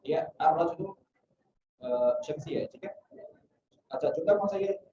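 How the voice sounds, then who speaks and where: A man's voice: a little high, animated, normal speed, warm tone. Man teaching Arabic grammar in an echoey classroom. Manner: questioning students, repeating "theek hai?". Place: classroom with online students. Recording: roomy, muffled classroom audio from a distant mic.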